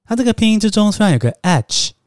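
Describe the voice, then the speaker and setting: A man teaches English pronunciation on his podcast. His fairly high voice swoops up and down as he explains patiently, dropping into slow, emphatic asides. The sound is close and completely dry. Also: sing-song, no echo.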